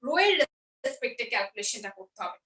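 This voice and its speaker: A woman's voice: mid-range voice, lively intonation, quick pace, pushed and bright, distant mic. A woman teaching math step by step, asking questions and then answering them herself. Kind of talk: explaining a math lesson step by step. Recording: roomy echo, voice off-mic.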